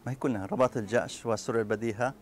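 A man with a Palestinian Arabic accent lecturing a class at a very quick clip. His pitch sits in the middle of the usual male range, and he keeps stopping to act out short scenes and throw asides to his students. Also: fairly even intonation, slight background noise. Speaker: university lecturer.

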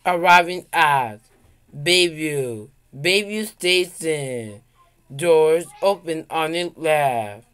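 Slow, clear male train announcer. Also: a little high, lively intonation, a bit bright. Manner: slow, measured, evenly spaced station calls. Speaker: transit announcer.

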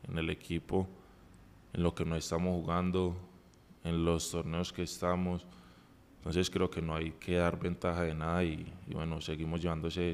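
Deep flat-voiced man. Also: in a large hall. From Colombia. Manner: halting, many restarts and fillers. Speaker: football player. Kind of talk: press conference answers. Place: press room in front of a sponsor backdrop. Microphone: table mic.

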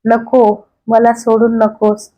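A woman's voice: fairly high pitch, completely flat delivery, slow, warm tone. A woman voicing a devoted young woman who speaks earnestly and pleadingly in a storybook reading.

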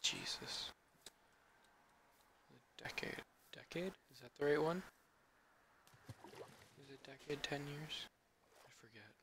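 A teenage boy from Canada hosts his channel, rambling tiredly and chattily through casual let's play commentary while yawning. His voice is on the high side with a sharp tone, and he goes slowly with long pauses. The home mic picks up clear background noise.

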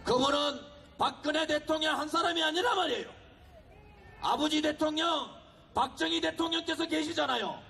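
A man giving a fiery political speech at an outdoor street rally, shouting and exhorting the crowd. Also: extremely high pitch, normal speed, gravelly.

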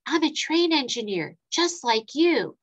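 A woman's voice: high-pitched, very animated, a little slow, highs cut off. A woman doing a cheerful young train driver. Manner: bright, friendly greetings.

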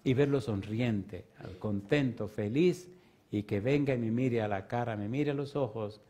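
A man preaching an evangelistic sermon and calling people forward, swinging between loud, fervent preaching and soft pleading. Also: mid-range voice, measured pace. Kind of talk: evangelistic sermon with altar call. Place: church stage.

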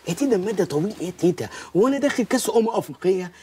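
A man's voice: high-pitched, expressive, racing, warm tone, slight background noise. An actor playing a nervous, whiny young husband who pleads with his grandmother in a film comedy. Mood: pleading.

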